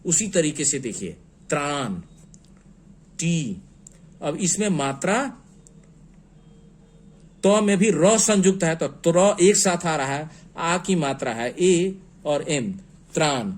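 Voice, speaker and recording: A man teaching a spelling lesson, slow and patient, spelling words out letter by letter. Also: fairly high pitch, animated. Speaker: English teacher.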